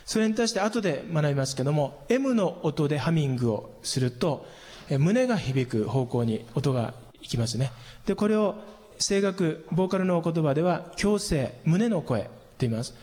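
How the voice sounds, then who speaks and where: A man teaching a singing lesson, explaining patiently and calmly, with hummed demonstrations. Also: a little high, normal speed. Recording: long hall reverb.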